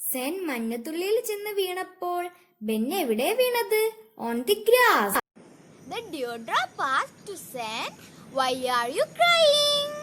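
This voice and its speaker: A woman teacher with a Kerala accent gives an online class to first graders, asking the children slow, sing-song questions and switching between languages. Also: sits high. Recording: loud background noise.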